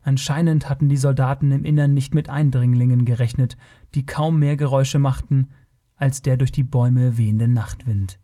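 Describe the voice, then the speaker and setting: Brief: male narrator, mellow dark timbre, measured reading of an adventure tale. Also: mid-range voice, fairly even intonation. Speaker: audiobook narrator. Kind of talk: scripted narration.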